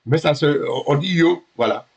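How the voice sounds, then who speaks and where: A man with a slightly husky voice, pitched a little high, teaches a beginner Hebrew class. He talks haltingly, often repeating and correcting himself, and keeps checking that his students follow. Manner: patient, checks students understand.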